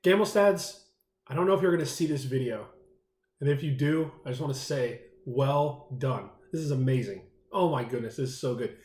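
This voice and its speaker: A man's voice: mid-range voice, normal speed, darkish tone, roomy sound. A man vlogging a food challenge in a casual, rambling way, full of fillers and enthusiasm, sometimes talking with his mouth full. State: eating, mouth full at times. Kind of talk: casual solo vlog.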